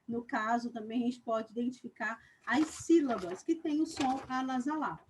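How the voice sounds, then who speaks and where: A woman with a Brazilian Portuguese accent teaching young children in a live online lesson. She speaks slowly and deliberately, stretches her words, and checks in often with "ok?". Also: a little high, darkish tone, slight background noise, rough recording. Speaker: primary school teacher.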